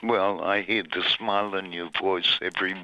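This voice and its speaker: A man with an Australian accent calling in to a radio show, speaking in a measured, articulate, wry way over a phone line. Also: low voice, steady tone, background noise. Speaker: caller. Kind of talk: phone-in caller.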